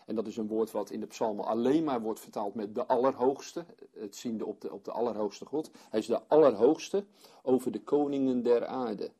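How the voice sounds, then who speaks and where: A man's voice: mid-range voice, normal speed, mellow, husky. A man leading a Bible study for a small group, reading scripture aloud and then explaining it as he thinks aloud.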